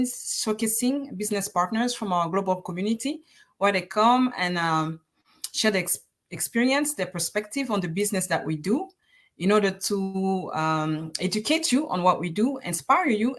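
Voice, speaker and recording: A woman from Congo hosting a live online business interview, encouraging and pausing often with fillers. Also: medium pitch. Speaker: host.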